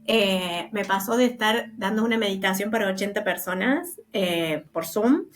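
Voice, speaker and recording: A woman's voice: medium pitch, moderate pace. An Argentine woman, a guest medium in a casual interview, telling stories animatedly and acting out the voices of the people she quotes, laughing now and then. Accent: Argentine Spanish.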